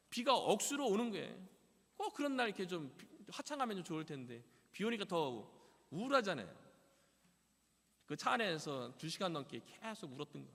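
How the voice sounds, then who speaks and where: A man's voice: a little high, a bit bright. A man, a pastor, giving an emotional testimony sermon and acting out his parents' words as he tells the story. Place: church sanctuary. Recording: long church hall reverb.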